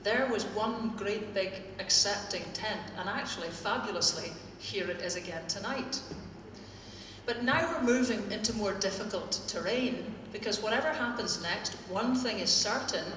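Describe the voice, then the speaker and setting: A Northern Irish woman, medium-pitched and a bit bright, talks at a moderate pace to a live political audience, her remarks witty and pointed. Faint hiss or hum accompanies the echoey sound of the theatre hall, where she stands far from the mic.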